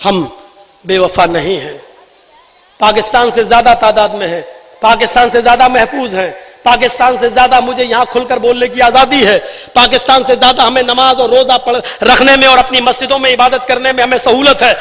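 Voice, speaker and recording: High, bright-voiced fervent preacher. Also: male voice, steady tone, fairly quick, in a large hall. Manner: fervent, declaiming, rising to shouts. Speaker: Islamic preacher at a conference. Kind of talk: impassioned public speech. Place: large public gathering.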